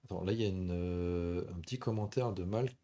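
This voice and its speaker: A man's voice: low-pitched, a little fast, dark tone. A man with a radio-presenter voice that is easy to listen to, telling stories casually as host of a live stream. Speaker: host of a combat sports stream.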